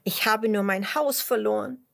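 A woman's voice: medium pitch, moderate pace, vocal fry, a bit bright, pitched above the performer's own voice. A woman voicing a small snail who has lost its house, in a children's story. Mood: sulky.

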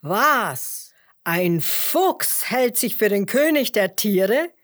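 A woman's voice: mid-range voice, very animated, very slow, a bit bright, full character voice. A woman voicing a proud, hot-tempered male lion who roars and boasts in a children's story. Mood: indignant. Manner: roaring, boastful.

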